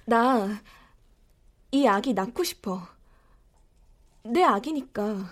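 A woman's voice: very high-pitched, expressive, moderate pace. An actress playing a stubborn young woman in her twenties, firm and defiant with her mother. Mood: quiet resolve. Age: 20s. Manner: quiet and firm, then defiant. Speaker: pregnant young student.

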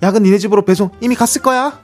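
A man's voice: high voice, racing, soft background music. A man voicing a bossy, pushy middle-aged older sister in a radio comedy skit, ordering her sibling around in a brusque way.

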